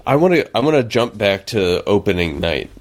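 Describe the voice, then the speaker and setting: A man's voice: on the low side, big pitch swings, moderate pace. A man reminiscing eagerly about an old stage production in casual podcast chat, rambling with many restarts. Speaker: podcast co-host.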